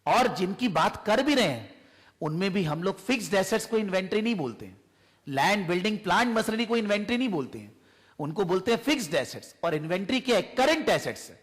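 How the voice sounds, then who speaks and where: A man's voice: high-pitched, sing-song, a little fast, slightly rough, big-room sound. A man with an Indian accent teaches accounting in a tuition classroom, explaining through repeated examples and questions. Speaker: accounting tutor. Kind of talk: classroom lecture.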